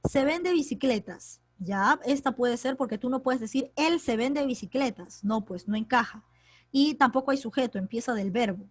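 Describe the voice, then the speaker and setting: Woman teacher, fairly high voice, patient step-by-step explaining, dry close recording. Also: moderate pace, dry recording. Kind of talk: online grammar lesson.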